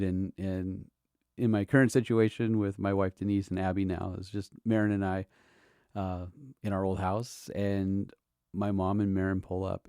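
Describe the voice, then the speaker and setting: Middle-aged guy on a podcast telling stories about someone he loved, low voice, halting, dry close sound. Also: darkish tone, smooth, dry recording. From Southern California. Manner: halting, tender, fond laughs while reminiscing. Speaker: podcast host. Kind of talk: personal tribute, emotional storytelling.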